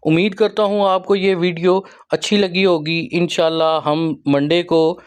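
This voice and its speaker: A man with a Pakistani Urdu accent explaining teacher training material in a patient, step-by-step way, pausing often. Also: sits high, flat delivery, clean tone. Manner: explanatory, with frequent pauses and fillers. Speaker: teacher trainer and channel host.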